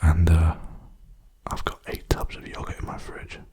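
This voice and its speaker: Whispering gently at a normal speed, a young adult man drifts through relaxed, breathy, hushed chatter meant to soothe ASMR listeners.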